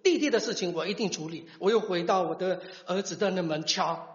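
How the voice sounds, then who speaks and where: A middle-aged man gives a personal testimony as a father, halting and restarting words as he tells the story. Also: high voice. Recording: echoey hall, dull lo-fi sound.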